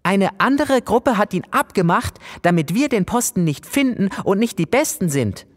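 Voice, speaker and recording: A man's voice: sits high, sing-song, normal speed, pitched above the performer's own voice. A man voicing a bossy, rule-minded schoolgirl in a children's audiobook. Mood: insistent. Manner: insistent, rule-citing. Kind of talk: storybook character voice.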